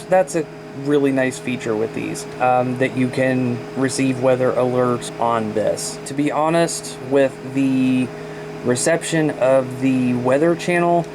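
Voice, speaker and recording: A plain-spoken, folksy man giving a casual product review as a vlogger. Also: mid-range voice. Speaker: radio reviewer. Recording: noisy camera audio.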